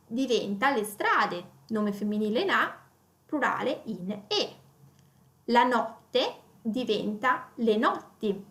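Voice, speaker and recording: A woman teaching an online grammar lesson, spelling out example words slowly and explaining rules with frequent fillers. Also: on the high side, a bit bright. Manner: slow, careful enunciation of example words. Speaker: Italian teacher.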